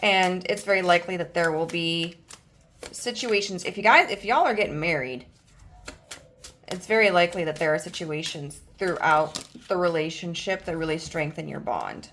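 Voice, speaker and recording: A woman's voice: on the low side, a bit bright. A woman in her thirties giving a casual tarot reading, chatty and loose, full of fillers and restarts. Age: 30s. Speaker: tarot reader.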